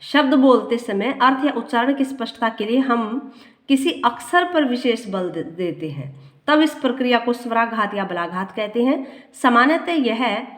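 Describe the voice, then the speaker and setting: A woman teaching a grammar lesson. She reads from her notes and often repeats a line slowly to explain it. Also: a little high, animated. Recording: echoey room.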